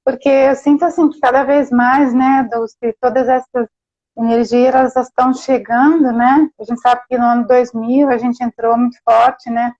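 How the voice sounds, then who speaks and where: A high-voiced woman hosts a gentle talk, musing aloud in winding sentences and checking in with "né?" at every turn. The sound is muffled and lo-fi, like a video call. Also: little pitch movement, moderate pace. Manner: reflective, meandering, constant "né?" tags. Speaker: host therapist. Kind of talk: casual spiritual conversation.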